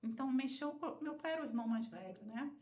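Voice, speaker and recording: Brazilian woman, podcast guest, animated emotional storyteller who acts out the people she quotes, slightly high voice. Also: quick pace. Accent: Brazilian Portuguese. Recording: roomy echo.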